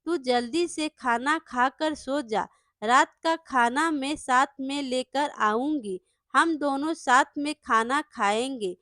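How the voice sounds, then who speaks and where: A caring, reassuring elder sister from a storybook, voiced by a woman. Her high voice moves slowly. The sound is dry and close. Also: sharp tone, no echo, full character voice.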